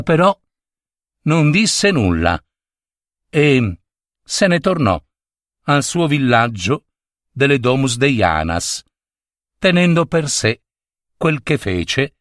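A man reading a storybook tale aloud in a theatrical, animated way. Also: medium pitch, slow pace, pauses often, no echo, studio quality. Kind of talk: expressive storybook narration.

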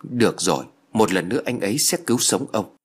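A man's voice: lowish voice, expressive, fairly quick, husky. A man voicing a stern, vengeful young female ghost in a spoken ghost story. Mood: frantic. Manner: stern, urgent.

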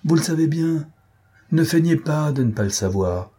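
A man voicing an imperious, menacing gentleman thief in an audiobook reading, with a forceful, threatening delivery. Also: on the high side, expressive, moderate pace, breathy edge, voice pushed up.

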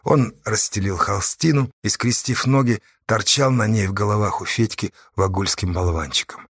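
A man reading a novel aloud in steady, measured narration. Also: lowish voice, husky, no room sound, clean studio sound. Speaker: audiobook narrator. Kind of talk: scripted narration.

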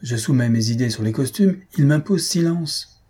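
A man reading aloud and voicing a grumpy, irritable older husband who blusters and shouts sarcastically. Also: medium pitch, animated, normal speed, husky, voice pushed up. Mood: grumbling.

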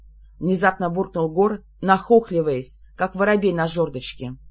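An audiobook reader telling a fantasy story in the first person, with a lively, exasperated edge in the heroine's own lines. Pitch sits in a middle range. The recording sounds slightly dull and lo-fi. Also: moderate pace. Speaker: audiobook narrator.

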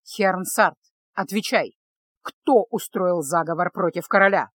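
A woman's voice: lowish voice, measured pace, no echo. A woman reading the part of a proud young male mage in an audiobook, clipped and demanding. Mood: cold.

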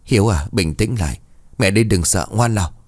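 A young mother coaxing her scared child to sleep in a told ghost story, as a man reads her part. The voice is deep with a lively lilt, and it is recorded dry and close. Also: a little fast, no echo. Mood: soothing. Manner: soothing, coaxing. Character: young mother soothing her frightened son.

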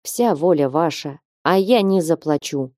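A woman's voice: sits low, animated, a little slow, warm tone, no room sound. Anxious male trader begging for time, trembling, dry close read, voiced by a woman. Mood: pleading. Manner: pleading, trembling.

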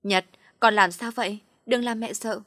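A woman playing a frightened young mother in a storybook, who begs and presses in a husky, breathy voice. The sound is dry and close. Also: medium pitch, flat delivery, moderate pace, a bit bright, no room sound, natural voice. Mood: alarmed. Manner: pleading, anxious.

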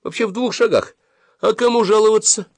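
A man's voice: sits high, steady tone, a little fast, no echo, clean studio sound, voice pushed up. A man reading an audiobook, voicing a sarcastic, sing-song middle-aged mother in a raised voice. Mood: sweet. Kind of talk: audiobook character voice.

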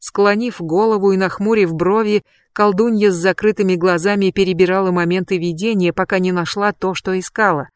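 Woman narrating a dark audiobook. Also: medium pitch, steady tone, fairly quick, few pauses, no room sound. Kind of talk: scripted narration.

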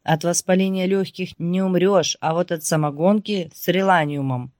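A gruff young husband barks orders in a harsh, furious voice, as a woman reads him in a storybook. He stays loud and forceful throughout. The sound is dry and close, with no room around it. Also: lowish voice, normal speed, no echo, lightly acted.

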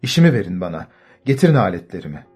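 A man voicing a distraught, confused old doctor with a hoarse, choked voice, pleading and shouting in an audiobook. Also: deep voice, very animated, very fast, soft background music, exaggerated voice.

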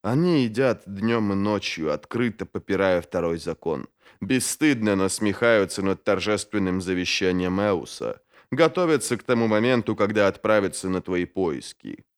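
A man voicing a weary old male mage who talks slowly, low and hushed. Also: lively intonation, smooth. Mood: grave.

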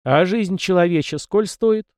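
A man's voice: high voice, measured pace, darkish tone, dry recording, studio quality, pitched above the performer's own voice. A man reading an audiobook, voicing a brash, proud young male warrior who speaks curtly and with scorn. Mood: blunt. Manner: scornful, curt.

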